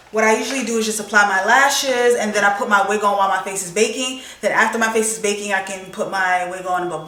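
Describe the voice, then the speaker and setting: A young woman vlogger chatting casually while doing her makeup, expressive and swearing freely. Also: mid-range voice, distant mic, a little hiss or hum. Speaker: beauty vlogger. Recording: echoey room, voice a bit off-mic.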